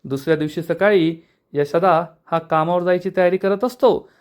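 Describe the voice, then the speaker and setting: A man narrating a soap opera episode recap in a brisk, dramatic storytelling style. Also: high voice.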